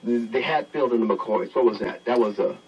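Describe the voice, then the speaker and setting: A man's voice: medium pitch, a loud crowd. Man's voice off an old tube radio. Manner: searching for words, halting. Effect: broadcast picked up on an old tube receiver. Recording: muffled radio from a speaker, off-mic.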